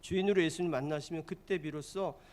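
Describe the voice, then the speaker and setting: A man's voice: a little high, steady tone, brisk, a little mellow. A pastor preaching a sermon. He tells a story and keeps asking his congregation questions.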